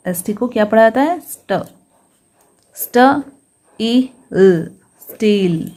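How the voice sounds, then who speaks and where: A woman teaching English reading in a patient phonics lesson, slowly sounding out each syllable and checking in often. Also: mid-range voice, warm tone.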